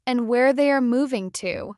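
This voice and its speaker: A woman with a smooth, clear, fairly high voice reads simple example sentences at an unhurried pace. Her phrasing is measured and plain. The sound is close and dry. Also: a little mellow, no echo. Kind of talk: slow read-aloud example sentences.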